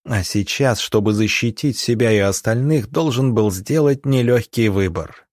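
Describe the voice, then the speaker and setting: A man narrating an audiobook in a measured, dramatic reading style. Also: on the low side, darkish tone, no echo, clean studio sound. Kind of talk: scripted narration.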